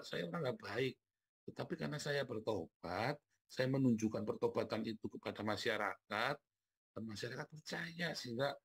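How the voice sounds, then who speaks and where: A man preaching a sermon in a casual, slangy way, often addressing the congregation and swinging from low murmurs to loud emphatic bursts. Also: gravelly, husky. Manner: preaching with frequent address to the congregation as brothers and sisters. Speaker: pastor.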